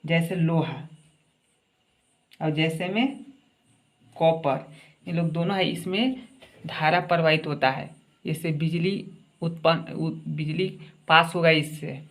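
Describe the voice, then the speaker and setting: A man teaching a science class, asking short questions and answering them himself in a coaxing classroom way, an everyday delivery. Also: on the high side. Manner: asks questions and answers them himself, calls students "babu". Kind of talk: classroom lecture.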